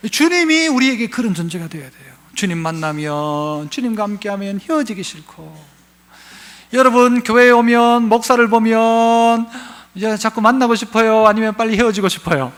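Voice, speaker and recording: A male pastor, preaching a sermon to his congregation. He swings between loud, fervent passages and hushed, low asides, and puts questions straight to the listeners. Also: moderate pace. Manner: asks the congregation questions directly.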